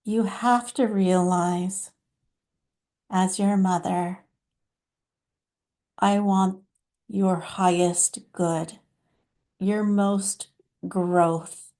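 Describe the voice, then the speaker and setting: A woman channeling a slow, gentle divine mother spirit. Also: mid-range voice, fairly even intonation. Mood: compassionate. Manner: slow, soothing, motherly address to listeners as children. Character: compassionate motherly female divine spirit, patient and loving.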